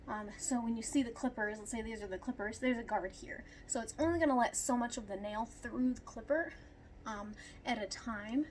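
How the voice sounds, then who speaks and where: Casual home tutorial host: young woman, breathless, filler-heavy, a touch high-pitched, light background hiss. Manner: chatty, lots of ums, talks to her dogs. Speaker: dog groomer demonstrating nail care. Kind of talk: casual how-to explanation. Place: at home with dogs.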